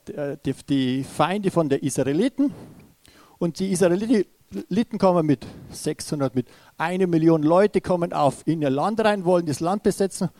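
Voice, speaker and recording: Higher-voiced male preacher, dry sound. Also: a little mellow, no room sound. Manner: retells a story, often restarting with hesitant fillers; addresses listeners directly and urgently. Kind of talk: sermon.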